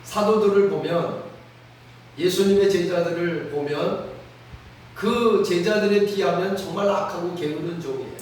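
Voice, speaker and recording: A man's voice: sits high, unhurried, a little mellow, a little hiss or hum. A man preaching a sermon as pastor, earnest and often prompting listeners with rhetorical questions. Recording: very echoey room, mic at a distance.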